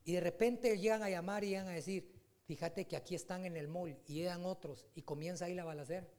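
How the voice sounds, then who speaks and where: A man preaching a sermon in an animated way, rising to loud, emphatic peaks. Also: sits high, quick pace.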